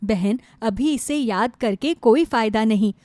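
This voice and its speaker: A woman voicing a steady widowed neighbour in a storybook tale, speaking in a calm, comforting way. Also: fairly high pitch, measured pace, no room sound, natural voice.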